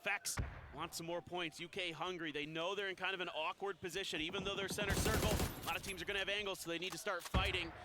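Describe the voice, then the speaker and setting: Male esports caster, high voice, hissy restreamed audio. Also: fast talker. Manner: energetic, rising when action heats up. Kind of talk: play-by-play commentary.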